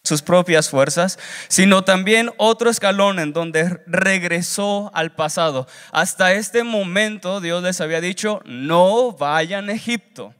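This young adult preacher, a seminary student, has a high, smooth, slightly bright voice and an unhurried pace with few pauses. He delivers an earnest, instructive sermon, repeating phrases for emphasis. He is on a large church auditorium stage with a handheld wired mic, and the PA makes the hall reverberant.

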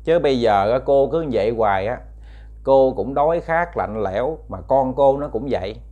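Patient old village exorcist, read by a male storyteller, calm and measured. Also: mid-range voice, dull audio, natural voice. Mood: coaxing. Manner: measured coaxing questions.

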